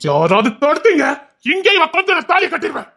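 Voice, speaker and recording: Guy acting as a stubborn young man, tirunelveli accent, fast insistent talk. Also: very high-pitched, huge pitch swings, creaky, background noise, full character voice. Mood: defiant. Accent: Tirunelveli Tamil. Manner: defiant, insistent, pleading. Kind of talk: dramatic serial acting.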